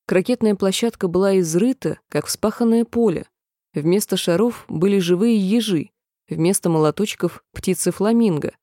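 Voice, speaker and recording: Brief: woman audiobook narrator, mellow dark tone, dry close mic. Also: medium pitch, dry recording. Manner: calm, measured reading with voiced characters.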